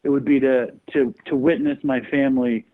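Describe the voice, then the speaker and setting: Male guest on a remote call, tinny phone audio, talks in halting, hesitant bursts. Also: mid-range voice, steady tone. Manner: hesitant and halting, full of ums and restarts. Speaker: podcast guest. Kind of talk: casual interview chat.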